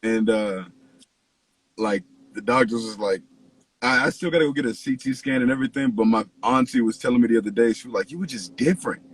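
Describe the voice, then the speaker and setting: A man hosting a podcast in a casual, slangy, profanity-laced chat, with a husky voice. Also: medium pitch, fairly quick, low-quality recording. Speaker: podcast host, interviewer.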